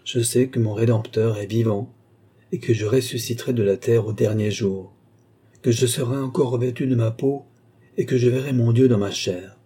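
A man voicing a male pastor who reads funeral scripture slowly and solemnly. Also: mid-range voice, fairly even intonation, mellow, slightly rough, close to an everyday voice. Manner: slow, solemn liturgical reading.

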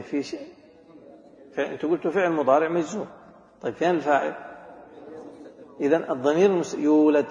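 A man teaching a grammar class, quizzing students and slowly repeating words. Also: fairly high pitch, a little mellow. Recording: echoey hall, dull lo-fi recording.

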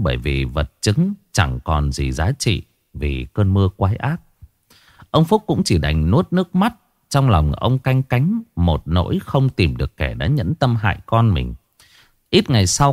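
Low-voiced man telling a ghost story. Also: no room sound, studio quality. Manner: dramatic, expressive reading. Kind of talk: scripted ghost story narration.

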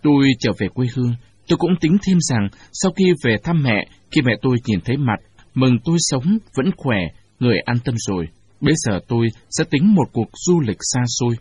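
A man with a husky voice narrating a storybook audiobook in a measured, expressive way. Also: medium pitch. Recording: dull lo-fi recording.

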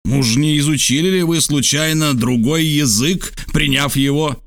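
A man voicing a calm, dryly ironic military major in an audiobook. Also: on the high side, measured pace, no echo, studio quality, voice pushed up. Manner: calm, teasing. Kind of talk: audiobook character voice.

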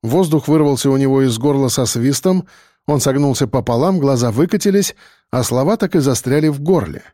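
A man reading a story aloud as narrator, in a dramatic, expressive manner. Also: mid-range voice, fairly quick, no echo, studio quality. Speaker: audiobook narrator. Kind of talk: scripted narration.

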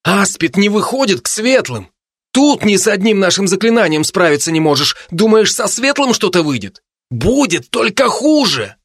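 Guy doing a cocky sneering wizard kid, kinda lively high voice. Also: normal speed, slightly rough, no echo, studio quality, exaggerated voice. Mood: arrogant. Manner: sneering, arrogant. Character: haughty mocking young dark-school wizard boy.

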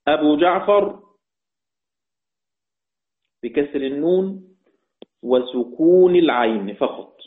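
A man's voice: on the high side, expressive. Egyptian man teaching Quran readings, tinny sound. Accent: Egyptian Arabic. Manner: repeats points slowly for note-taking, chants verses drawn out. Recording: tinny phone-like audio.

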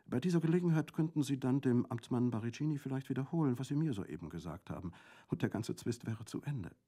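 A man's voice: medium pitch, animated, quick pace, warm tone, slightly rough, pitched above the performer's own voice. A man reading aloud and voicing a formal, somewhat condescending government prefect. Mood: patronizing. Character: official French prefect, formal and patronizing. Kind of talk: audiobook reading.

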